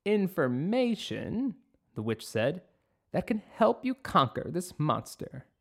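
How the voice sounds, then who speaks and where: A man voicing a wise, mysterious old witch who gives slow, solemn warnings. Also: sits high, very animated, gravelly, voice pushed up, exaggerated voice.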